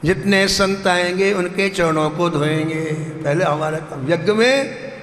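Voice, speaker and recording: Soft-spoken humble god, as a preacher voices him, roomy echo. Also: male voice, sits high, unhurried, slight background noise. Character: gentle male deity, humbly asking for work. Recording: echoey hall with reverb.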